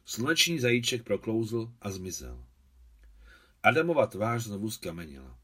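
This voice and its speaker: A man with a low voice reads a novel aloud in a calm, measured way. His delivery is unhurried and even, as in an audiobook. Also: breathy edge. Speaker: translator reading his translation. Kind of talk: audiobook narration.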